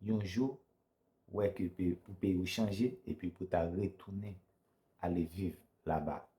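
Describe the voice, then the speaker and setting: A male interviewer with a low, dark voice asks his questions slowly. His phrasing is halting and loose as he feels his way through each question. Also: steady tone.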